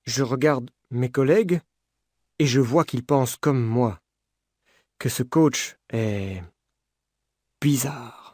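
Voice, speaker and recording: An audiobook reader narrating a first-person detective story slowly and clearly for language learners. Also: mid-range voice, dry recording, clean studio sound. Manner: clear, deliberate, expressive.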